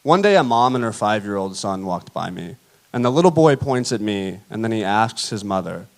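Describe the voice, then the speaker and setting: A young man performing a self-deprecating stand-up set on a theater stage, telling stories in a deadpan way. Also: on the low side, moderate pace. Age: young adult. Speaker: stand-up comedian. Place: theater stage before a live audience. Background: audience laughter.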